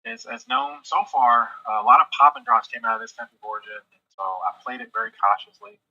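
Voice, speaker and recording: A man with a scratchy voice giving running commentary on his live day trades, thinking aloud in quick half-muttered remarks. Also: mid-range voice, huge pitch swings, creaky, sharp tone. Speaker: day-trading livestream host. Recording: dull lo-fi sound.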